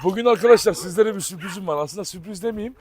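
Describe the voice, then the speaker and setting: A man running a dog farm talks casually to his viewers and coaxes his dogs in a lively way. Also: sits high, fast talker. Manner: lively, switches between chatting to viewers and coaxing dogs. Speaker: dog farm owner and vlogger.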